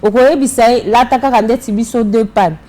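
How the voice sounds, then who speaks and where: A woman's voice: fairly high pitch, steady tone, a little fast, mellow. A woman with a Congolese French accent, a fashion designer answering interview questions in a casual way, switching between French and Lingala and searching for her words.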